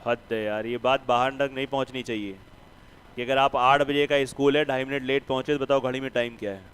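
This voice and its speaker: A man's voice: medium pitch, steady tone, fairly quick, a bit bright, clean tone, poor audio. A man teaching a math class, who teases and scolds his students and keeps asking them questions. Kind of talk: classroom lecture.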